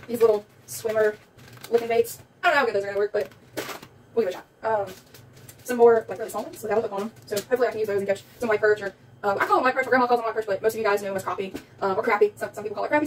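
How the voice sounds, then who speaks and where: Speaking very fast in a voice on the high side, a young South Louisiana woman rambles casually through a home haul video, filling gaps with ums. As a vlogger, she films in a small room with a table, where a phone camera set back on the table gives a distant sound and faint room noise.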